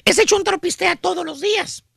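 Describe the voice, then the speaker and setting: Squeaky, very high Mexican storyteller. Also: male voice, fairly quick, vocal fry, a bit bright, soft background music, heavily acted. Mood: teasing, excited. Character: cartoonish high-pitched gossiping storyteller, male, slangy and teasing. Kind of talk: comic radio bit storytelling.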